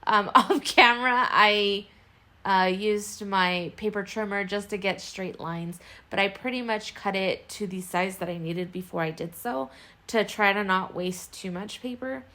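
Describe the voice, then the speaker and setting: A woman's voice: medium pitch, a little slow, pushed and bright. A woman giving a casual, chatty voice-over walkthrough as a craft tutorial host, explaining each step in a self-deprecating way.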